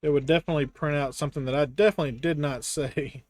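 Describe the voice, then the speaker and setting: A man's voice: on the high side, fairly even intonation, rapid-fire, no room sound. A man with a Southern US accent, chatting casually and self-deprecatingly while building a brick set on a live stream. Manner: rambling, self-deprecating, wry.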